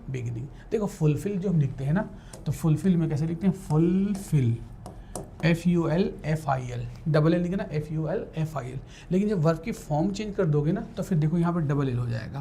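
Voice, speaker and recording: In this classroom lecture with spelling drills, an English teacher for law entrance exams speaks Hindi in a slightly high, creaky, mellow voice over light background noise. He gives definitions in English, spells each word letter by letter, and keeps checking in with his students.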